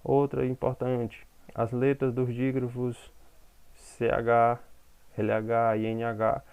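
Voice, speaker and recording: A man's voice: mid-range voice, completely flat delivery, slow pace, darkish tone, smooth. A man teaching a grammar lesson, explaining step by step and checking in with the class.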